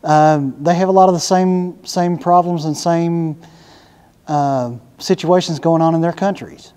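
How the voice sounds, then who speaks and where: A man giving thoughtful, unhurried interview answers, pausing often with fillers as he searches for words. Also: fairly high pitch, fairly even intonation, dark tone, clear, resonant tone. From Arkansas, USA. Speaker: interviewee working with international students. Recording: echoey room with long reverb.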